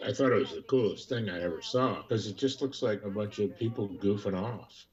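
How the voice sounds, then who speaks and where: An older man from Chicago's South Side, an actor on a quiz show, telling his story in an easygoing way and laughing at himself. His voice sits on the low side. The sound is dull and lo-fi. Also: brisk, a little mellow. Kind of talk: casual anecdote on a quiz show.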